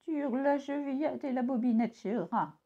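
A woman's voice: sits high, dull audio, slight background noise. A woman voicing a sly male wolf who fakes a sweet, sing-song voice and drags out his replies, in a children's storybook reading. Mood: sugary. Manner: sing-song disguised voice, drawn-out slow replies.

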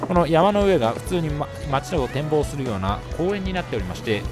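A man talks through his travels in a chatty, explanatory way, slipping in small joking asides. His pitch sits a touch high and swings lively as he narrates quickly. Music plays clearly underneath his voice. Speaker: travel vlogger.

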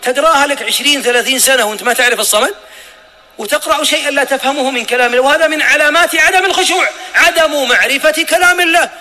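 Man preaching in a high, bright voice. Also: racing. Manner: emphatic, rhetorical questions, acted-out dialogue. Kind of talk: sermon. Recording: long hall reverb.

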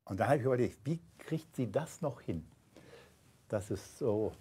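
Brief: husky man hosting an author talk, easygoing, jokey, lots of ums. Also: medium pitch, expressive, moderate pace, warm tone. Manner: chatty, joking, hesitant with fillers. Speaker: moderator. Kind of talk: conversational moderation of a reading. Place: live reading event.

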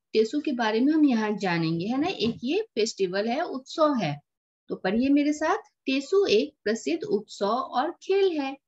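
A woman teaching a lesson to young children, patiently repeating words and explaining each one in English. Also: fairly high pitch. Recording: dull lo-fi recording.

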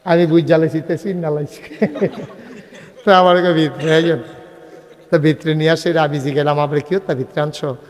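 This humorous Islamic sermon at a religious gathering comes from a man whose voice is on the high side, steady in tone and at normal speed, in a big-sounding room. He speaks conversationally, telling stories with dialogue and prompting the crowd to respond.

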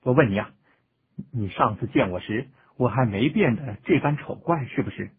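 A bitter, quick-tempered young village girl from a storybook, scornful and sharp, as a male reader puts her on. The voice is husky and rises and falls a lot. It comes through thin and tinny, as if over a phone line. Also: medium pitch, animated. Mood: alarmed.

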